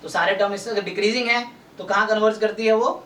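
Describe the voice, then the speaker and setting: A man's voice: high voice, fairly even intonation, quick pace, pushed and bright. Distant, roomy-sounding man teaching maths. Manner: explains step by step in Hindi-English mix, checks understanding with questions. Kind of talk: doubt-clearing online class. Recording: roomy, distant mic, faint noise.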